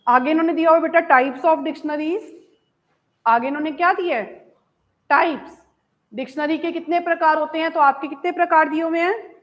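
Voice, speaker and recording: Through a muffled recording, a woman teacher with an Indian English accent speaks in a high voice with fairly even intonation during an online class. She reads key lines slowly in a mix of Hindi and English, often asks her students if it is clear, and calls them "beta".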